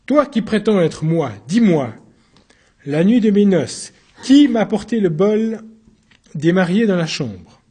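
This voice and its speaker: A man voicing a desperate accused man on trial who shouts and pleads in his own defense. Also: high voice, lively intonation, takes it slowly, breathy edge, pitched above the performer's own voice, full character voice. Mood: challenging.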